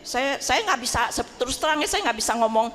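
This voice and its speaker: A woman's voice: sits high, fairly quick, in a large hall, a little hiss or hum. A middle-aged woman telling a personal testimony in a casual, chatty way, acting out the voices in her story. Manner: chatty, animated, acts out quoted voices, laughs often. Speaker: parish group member sharing testimony. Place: church hall.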